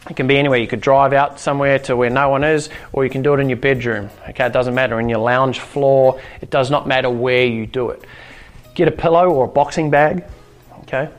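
A man giving a casual motivational self-help talk who keeps checking in with the listener by asking "right?" and "okay?". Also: medium pitch.

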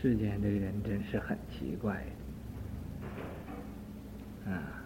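An older man, a Buddhist teacher, telling a story in a leisurely dharma talk with many drawn-out interjections. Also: lowish voice, very noisy. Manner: leisurely, repetitive, full of drawn-out interjections, acting out the story's voices. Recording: tinny lo-fi archive tape.

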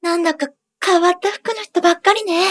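A woman's voice: very high voice, steady tone, fairly quick. A woman voicing a naive, sheltered young alien princess in an improvised radio comedy sketch. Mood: wondering. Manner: breathless girlish questions.

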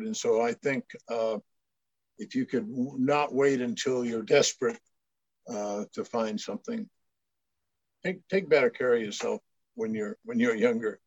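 An older man from Maine speaks in a mid-range, slightly mellow voice, telling stories as a guest in a casual chat. He rambles and restarts often, and the recording sounds dull, dry and lo-fi.

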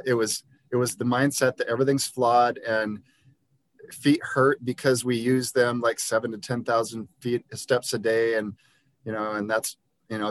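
A Liberian man with a medium-pitched voice, recorded dry, appears as a podiatrist guest on an interview podcast. He explains his views earnestly and conversationally, with frequent ums and restarts.

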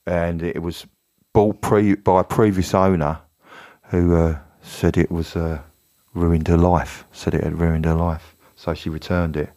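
A deep-voiced man with a low, relaxed register chats on a comedy podcast. He wanders through a story, corrects himself and often breaks into little laughs. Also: unhurried. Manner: rambling, self-correcting, giggly storyteller. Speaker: podcast co-host. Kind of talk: casual comedic chat.

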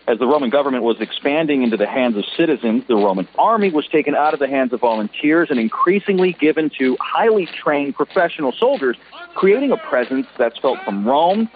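A man's voice: medium pitch, slight background noise, natural voice. A man narrating as a correspondent in a scripted mock news radio drama. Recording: tinny phone-like sound.

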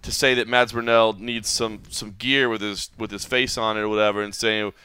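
A man's voice: lowish voice, little pitch movement, sharp tone, smooth. A man from Texas hosting a podcast, recapping a fight night in a talkative, easygoing way. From Texas, United States. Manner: talkative, restarts phrases, quick to laugh. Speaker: podcast host. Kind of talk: casual post-fight recap chat.

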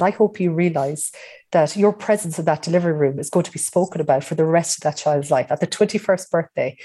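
Fast-talking woman with west of Ireland accent. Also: deep voice, dark tone. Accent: west of Ireland (Mayo). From County Mayo, west of Ireland. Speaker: interview guest, hospital emergency consultant. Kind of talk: conversational podcast interview, personal reflection.

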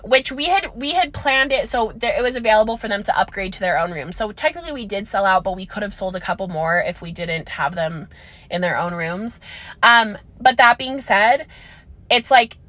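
A woman's voice: mid-range voice, bright, forceful tone. A woman hosting her own podcast as a business coach, talking in a rambling, casual way, full of "like" and "um", with frequent laughs. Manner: chatty, rambling, peppered with "like" and "um", laughs often. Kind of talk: casual solo podcast monologue.

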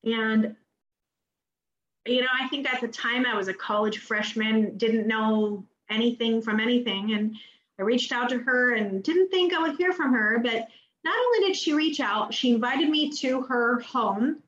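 An American woman speaks earnestly and with heartfelt feeling, her voice set a little high. The sound is roomy and muffled, like a remote recording. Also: unhurried, a bit bright, slight background noise. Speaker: swim instructor, guest. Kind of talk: casual conversational interview.

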